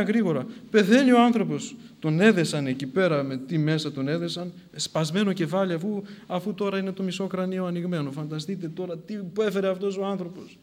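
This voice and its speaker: A man preaching a sermon, telling a saint's story with swings between loud outbursts and hushed asides. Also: sits high.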